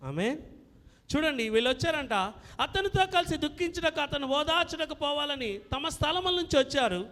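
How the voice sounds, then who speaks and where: A male pastor preaching an impassioned sermon that swells to loud peaks. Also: very high-pitched, expressive, normal speed. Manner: impassioned, rising to loud peaks, calls for amens. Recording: long reverb of a hall.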